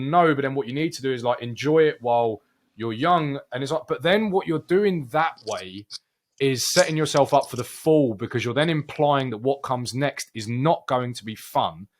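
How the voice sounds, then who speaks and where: A man's voice: medium pitch, normal speed. A man in his twenties co-hosting a casual podcast chat, earnestly reasoning through his point at length. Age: 20s. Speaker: co-host.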